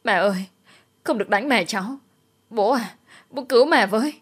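Woman as a frightened small boy, high, wailing pleas. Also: animated, moderate pace, husky. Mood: sobbing. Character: terrified little boy begging for help.

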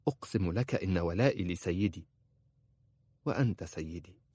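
Brief: male reader doing a clever, devoted young woman, soft and humble, quiet delivery. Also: low voice, animated, moderate pace, husky, dry recording. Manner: soft, hushed and pleading. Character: young female slave girl, devoted and clever.

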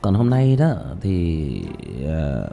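Man, casual livestream host, rambling, lively pitch, mellow tone. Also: extremely slow, vocal fry. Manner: rambling, with frequent restarts and repeated words. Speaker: livestream host and ghost story reader. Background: faint background music.

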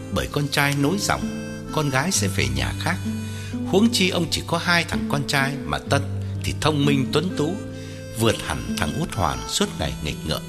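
A male audiobook narrator with a highly animated pitch that rises and falls through the telling. He reads in a measured, expressive way. Guitar music plays clearly behind him.

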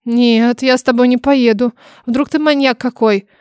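A woman's voice: a little high, steady tone, moderate pace, darkish tone, clear, resonant tone, dry recording, clean studio sound, close to an everyday voice. A woman voicing a frightened young woman heroine who whines and snaps back through tears. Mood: distressed snappy. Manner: whiny, snappish, tearful.

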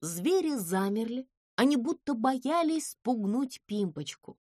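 A woman narrating a children's fairy tale in an expressive storytelling way, close to the mic. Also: fairly high pitch, unhurried, dry recording. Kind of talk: audiobook fairy-tale reading.

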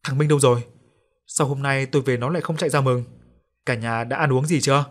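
A man voicing a stern, quick-tempered old grandfather in a ghost story, speaking gruffly. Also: mid-range voice, steady tone, natural voice. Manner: gruff, scolding.

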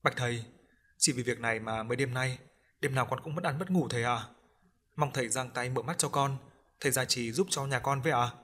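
A man voicing a devout grandmother who coaxes gently and speaks politely. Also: medium pitch, brisk, breathy edge. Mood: anxious. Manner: soft coaxing, polite.

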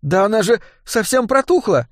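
A man's voice: sing-song, normal speed, no room sound, clean studio sound. A man voicing a fierce, foul-mouthed young woman who is a battle nun and shrieks her curses. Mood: disgusted. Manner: shrill and cursing.

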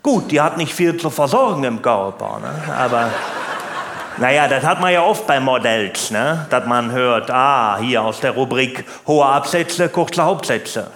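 A comedian voicing a loud, blunt older working-class man who keeps tacking on short questions. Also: lively intonation, measured pace, echoey room, over music. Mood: mocking. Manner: blunt, tag questions, jumps in pitch. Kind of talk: stand-up routine and prank call.

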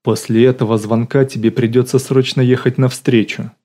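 Man doing a sly young smooth-talker, dry teasing manner, audiobook, mellow dark tone. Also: mid-range voice, level tone, moderate pace, close to an everyday voice. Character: sly joking young man, smooth-talking con artist.

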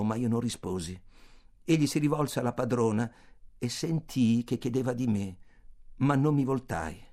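Man reading a novel with theatrical expression. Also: medium pitch. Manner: expressive theatrical reading, sinking to a hushed murmur in darker passages. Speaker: audiobook reader. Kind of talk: literary audiobook narration.

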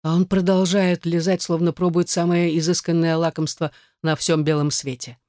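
A man reading a first-person erotic novel aloud in a steady, intimate narration. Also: fairly high pitch, moderate pace, dry recording, studio quality. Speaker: audiobook reader.

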